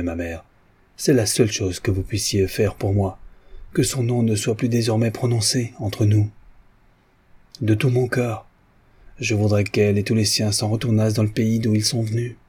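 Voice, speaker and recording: A man's voice: on the low side, warm tone, husky. A man voicing a heartbroken, proud grown son who speaks in a restrained, pleading way in an audiobook.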